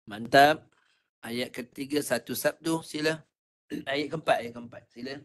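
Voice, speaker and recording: A man with a Malaysian Malay accent teaching Quran recitation in an online class, patient and coaching, demonstrating sounds slowly. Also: medium pitch, a bit bright.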